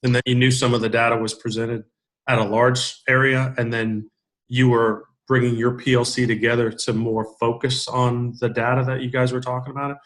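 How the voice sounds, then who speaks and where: A man's voice: mid-range voice, little pitch movement, normal speed, a bit bright. A man giving casual, encouraging peer feedback on a video call, rambling with many restarts. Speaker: peer reviewer.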